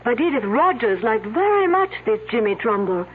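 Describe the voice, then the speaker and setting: Phone-like old radio sound, a young french student girl, husky, coy and a bit superior. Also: on the high side, very animated, moderate pace. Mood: gossipy, cool. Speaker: actor in a radio mystery. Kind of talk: 1970s radio drama acting.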